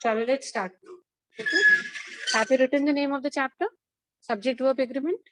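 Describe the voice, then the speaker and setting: Higher-pitched Indian woman teaching a class. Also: fairly quick, poor audio. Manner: instructing, repeats herself and checks with questions. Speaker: school English teacher.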